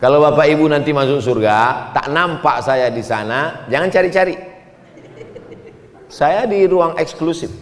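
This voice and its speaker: A man's voice: a little high, measured pace, a little hiss or hum. A man preaching a humorous sermon into a microphone, chanting Arabic prayer lines and joking with the audience. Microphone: handheld or stand microphone. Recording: echoey hall recording.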